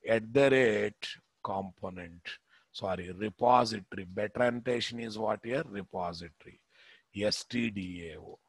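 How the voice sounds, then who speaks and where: A man's voice: lowish voice, normal speed, husky, no echo. A man with a Telugu Indian accent teaching a live coding class as instructor, repeating phrases and putting rhetorical questions to his students. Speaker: programming instructor.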